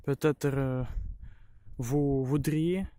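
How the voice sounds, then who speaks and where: A man from Ukraine with a Ukrainian accent vlogs outdoors, speaking halting, broken French with grammar slips. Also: mid-range voice, fairly even intonation, dry recording. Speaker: amateur vlogger. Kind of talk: outdoor travel vlog to camera. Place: outdoors near a city. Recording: clearly noisy outdoor recording, loud noise.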